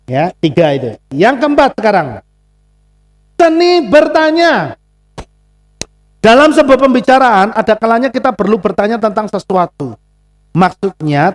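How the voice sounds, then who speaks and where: A male pastor with a Javanese accent preaching a sermon, animated and acting out little dialogues. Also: sits high. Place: congregation church.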